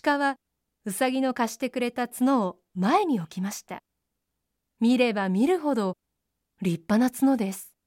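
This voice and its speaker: A woman narrating children's storybooks in a gentle, clear read-aloud manner. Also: on the high side, lively intonation, a little slow, long pauses, no room sound, clean studio sound.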